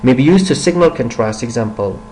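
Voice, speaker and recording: A man's voice: mid-range voice, lively intonation, dark tone, poor audio. Older man teaching English vocabulary. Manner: switches between fast Dari explanations and slow, deliberate English reading. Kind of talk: bilingual vocabulary lesson.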